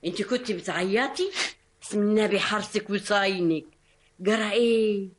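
A fiery, doting Egyptian aunt, played by a woman in a vintage radio play. She snaps at troublemakers and coos over her niece in a folksy, mid-pitched voice. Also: close to an everyday voice. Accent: Egyptian Arabic. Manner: folksy, quick to scold, affectionate. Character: sharp-tongued motherly aunt, fiery yet doting. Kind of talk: vintage radio drama acting.

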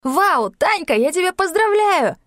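Lady voicing a hyped young mountain nut, loud and pleading, dry close sound. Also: high-pitched, very animated, a little slow, no echo, pitched above the performer's own voice. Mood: excited. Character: excitable young male mountaineering fanatic. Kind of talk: audiobook character voice.

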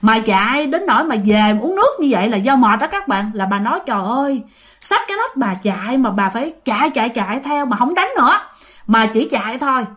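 A woman with a Southern Vietnamese accent, telling ghost stories in a chatty, casual way, repeating phrases and speaking straight to her listeners. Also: on the high side. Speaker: ghost story host. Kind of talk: casual spoken storytelling.

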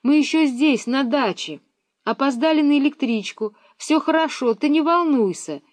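A woman's voice: sits high, lively intonation, moderate pace, no room sound, voice pushed up. A woman reading aloud and voicing a bossy, fussy schoolgirl who talks on the phone in a raised, insistent, childlike voice. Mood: reassuring.

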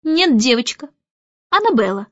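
A woman's voice: high-pitched, big pitch swings, normal speed, dry recording, muffled recording. Woman doing a strict prim nanny. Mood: stern. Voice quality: crisp, stern.

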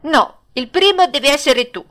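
A woman voicing Pinocchio, a mischievous wooden puppet boy, in a storybook audiobook, with a childlike manner. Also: moderate pace. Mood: cheeky. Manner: high, lively childlike voice.

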